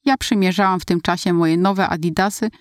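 Low-voiced woman reading a story. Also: fairly even intonation, fairly quick, no echo, clean studio sound. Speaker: audiobook narrator. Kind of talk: first-person scripted narration.

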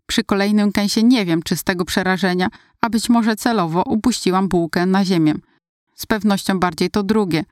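A woman narrating a first-person story in a calm, confiding way. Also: medium pitch, normal speed, dry recording, studio quality. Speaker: audiobook narrator.

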